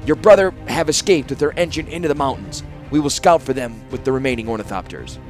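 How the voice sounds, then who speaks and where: A man's voice: medium pitch, lively intonation, fast, faint music behind, natural voice. A man reading an audiobook, voicing a dutiful male captain of the guard who reports in a formal, deferential military manner. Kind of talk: audiobook character voice.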